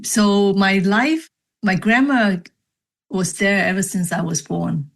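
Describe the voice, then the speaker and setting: Middle-aged woman from Cambodia, gravelly edge, reflective storyteller, casual interview guest. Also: mid-range voice, fairly even intonation, slow. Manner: reflective, storytelling with frequent fillers. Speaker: author and podcast guest.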